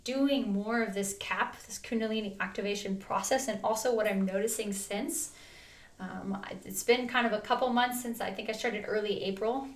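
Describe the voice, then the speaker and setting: A woman telling a personal story to her viewers in a vlog, earnest and chatty, full of restarts and fillers. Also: mid-range voice. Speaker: vlogger. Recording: roomy echo.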